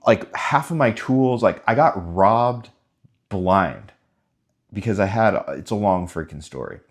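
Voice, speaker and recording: Guy venting on his vlog, kinda low voice, rambling and fed up. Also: animated, unhurried. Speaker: vlogger documenting his life. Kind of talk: casual self-filmed vlog.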